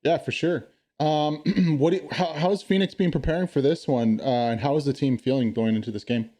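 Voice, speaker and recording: A man's voice: fairly high pitch, fairly even intonation, fairly quick, mellow. A man hosting a casual interview with esports team commanders, friendly and talkative with many fillers.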